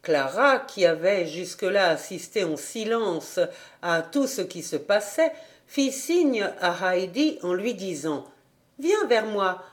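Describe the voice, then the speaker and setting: A woman reading a novel aloud as an audiobook, in a measured, even storytelling manner. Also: lowish voice. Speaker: audiobook reader. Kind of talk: read-aloud novel narration.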